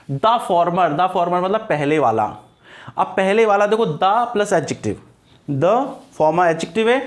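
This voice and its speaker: A middle-aged man with a Hindi-speaking Indian English accent gives an exam-prep grammar lecture, repeating each point as a question and answering it himself. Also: high-pitched.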